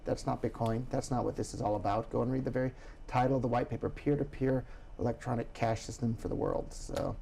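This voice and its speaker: A man hosting a casual news chat show who talks in an animated, opinionated way and slips into rants. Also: mid-range voice, fast, creaky, a little hiss or hum. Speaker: show host.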